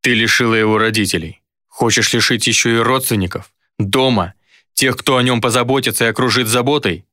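A man's voice: medium pitch, fairly even intonation, fairly quick, bright, forceful tone, no echo, studio quality, lightly acted. A man voicing a stern uncle who is harsh and accusing, with the command of an angry noble.

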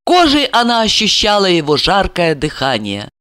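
A woman narrating an audiobook in an expressive, dramatic reading style. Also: normal speed, clear, resonant tone, no room sound. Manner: expressive, acts out the heroine with high cries.

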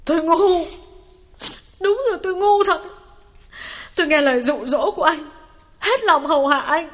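A woman voicing a shrill, furious jealous mistress. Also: normal speed, fairly bright tone. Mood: tearful. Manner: shrill, scolding, tearful outbursts. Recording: reverberant reading with guitar music behind.

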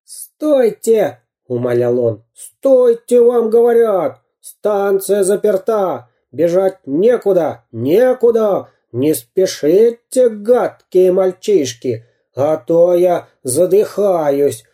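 A man voicing a sneaky male spy villain in a storybook reading, shrill, screeching and taunting, drawing his words out. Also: big pitch swings, slow, hardly any pauses, dark tone, heavily acted. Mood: shrieking.

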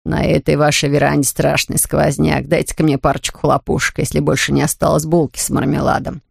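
A woman voicing a grumpy, greedy older male neighbour who talks slowly and gruffly. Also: low-pitched, flat delivery, no echo, clean studio sound, pitched below the performer's own voice, heavily acted. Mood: grumbling. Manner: gruff, slow, grumbling.

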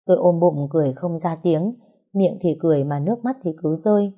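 Narrator: woman, low mellow voice, first-person audiobook read. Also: brisk. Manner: reads every character's lines herself, lively in dialogue. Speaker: storyteller.

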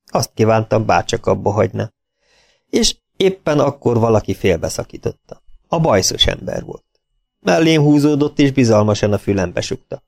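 A man's voice: lowish voice, expressive, vocal fry, darkish tone. A man reading a first-person story aloud as an audiobook narrator.

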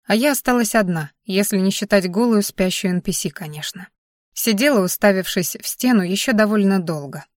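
A woman's voice: mid-range voice, fairly quick, dry recording, clean studio sound. A woman narrating a first-person audiobook with a wry, anxious, self-questioning inner monologue.

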